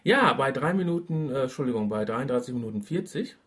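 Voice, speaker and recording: Reviewing a radio play on a casual podcast, this co-host speaks in a mid-range, somewhat bright voice that's brisk and animated. He chats freely yet keeps stumbling into fillers and starting his sentences over.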